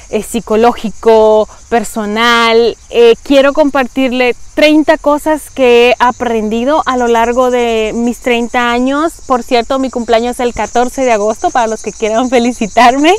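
A young Dominican woman in her late twenties speaks with a Dominican Spanish accent in a bright, high voice that stays smooth and clear. She talks in an earnest, heartfelt way in a personal vlog. She is recorded outdoors in a garden on a lapel mic. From Dominican Republic. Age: 20s. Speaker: vlogger.

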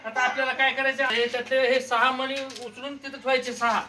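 A woman teaches young children a word game in a school classroom, patiently prompting them with repeated questions. Her high voice is brisk and flat, and the recording, made from a distance, picks up a noisy classroom.

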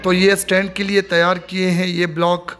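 This vlog is a phone-filmed tour of a stadium construction site, narrated casually by a high-voiced man. His delivery is flat and a bit bright at a moderate pace, and he repeats himself in plain remarks while filming.

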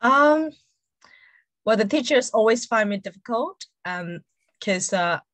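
A woman's voice: on the high side, animated, takes it slowly, fairly bright tone, dry recording. A woman in her forties with a Hong Kong accent, chatting casually as an interview guest and often saying "you know". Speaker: interview guest, Montessori educator. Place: indoor room at home, video call.

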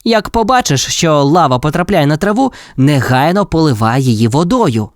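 Reader doing upbeat brave boy in charge, bouncy high voice, dry close sound. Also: big pitch swings, normal speed, no echo, lightly acted. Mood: urgent. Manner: cheerful, commanding.

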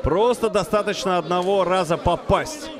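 A man giving excited live commentary on a fight as a commentator. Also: high voice, normal speed. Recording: loud crowd behind commentary.

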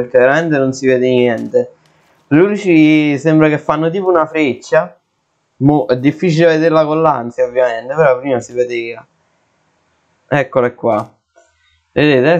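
A young man giving let's play commentary, jittery and often exclaiming and swearing in fright. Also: medium pitch. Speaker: gaming video creator. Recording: dull lo-fi sound.

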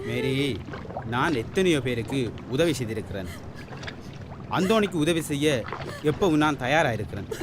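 A man's voice: mid-range voice, sing-song, normal speed, pauses often, background noise, natural voice. A man acting an authoritative, reassuring employer in an old-fashioned radio drama, earnest and declamatory. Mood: consoling, firm. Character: authoritative, reassuring boss, benefactor of workers' families.

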